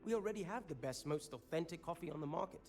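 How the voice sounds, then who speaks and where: Game casting: fretful, hesitant café owner with a slightly high voice. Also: male voice, animated, fast talker, a little mellow, faint music behind. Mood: worried. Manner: worried, hesitant, earnest. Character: anxious earnest male coffee shop owner. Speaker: coffee shop owner in a video game.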